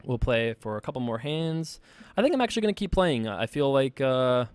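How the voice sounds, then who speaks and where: A man in a home desk setup talks through his online poker hands in a loose, joking way, filling pauses with "uh" and "you know." His voice sits in a middle register and the sound is dry, with no room echo. It plays as unscripted, casual commentary. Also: mid-range voice, clean tone. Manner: thinks aloud, relaxed and joking, many fillers. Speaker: poker player and show host.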